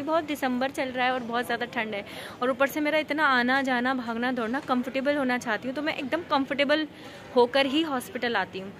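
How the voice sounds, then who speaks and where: A high-pitched woman vlogs casually, talking straight to her viewers with lots of filler words. Music plays underneath, and there's background noise too.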